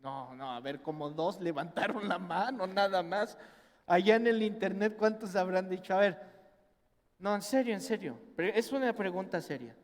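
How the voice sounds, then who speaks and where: A middle-aged man with a Mexican accent preaching a sermon as pastor, animated and acting out family members in quoted voices. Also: high-pitched, normal speed. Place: church hall. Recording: long reverb in a church hall.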